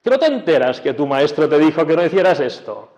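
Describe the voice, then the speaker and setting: A man's voice: a little high, big pitch swings, fast, a little mellow, highs cut off. A preacher voicing an exasperated divine man who scolds a persecutor with incredulous questions. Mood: reproachful.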